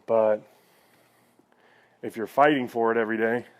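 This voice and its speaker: A man vlogs in a casual, reflective, conversational way, speaking to viewers and often checking in with "you know." His voice is medium-pitched and steady, at a moderate pace, with no echo.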